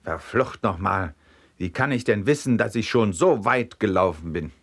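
A man's voice: medium pitch, big pitch swings, brisk, close to an everyday voice. A man doing a flustered, frightened soldier. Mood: grumbling. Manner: flustered, stammering apologies.

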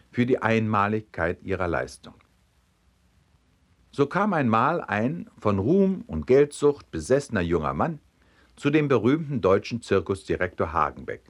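Lively male storyteller reading anecdotes. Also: fairly low pitch. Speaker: narrator. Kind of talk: reading humorous anecdotes aloud.

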